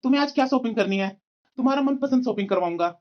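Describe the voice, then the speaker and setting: A sly young cartoon husband, voiced by a woman, who coaxes and dodges with endless fillers. The voice sits fairly high. The recording sounds dull and lo-fi. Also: animated, rapid-fire, close to an everyday voice. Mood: coaxing. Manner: coaxing and evasive, many fillers. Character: cheating young husband, smooth-talking office boss. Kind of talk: cartoon voice acting.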